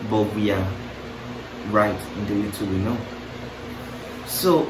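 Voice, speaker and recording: This young vlogger thinks out loud to the camera, drifting into playful asides and laughs before picking his thoughts back up. His pitch is fairly low, and the roomy recording comes from a distant mic with clear background noise.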